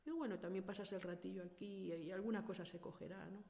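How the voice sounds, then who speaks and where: A woman's voice: medium pitch, steady tone, fast, vocal fry, dark tone, in a large hall. A middle-aged woman with a Spanish accent from Spain, telling her personal story in a casual interview, earnest and direct, acting out past conversations.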